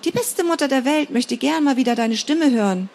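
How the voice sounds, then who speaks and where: Woman voicing cloying mother, high sing-song voice, affected, voicemail, audiobook. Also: expressive, moderate pace, creaky, darkish tone. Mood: sweet. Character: older mother, cloying, leaving phone messages.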